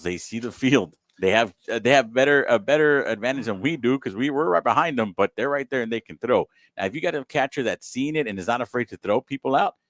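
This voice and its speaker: A man doing color commentary on a local softball game, chatty and analytical, sometimes acting out little exchanges. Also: mid-range voice, no echo.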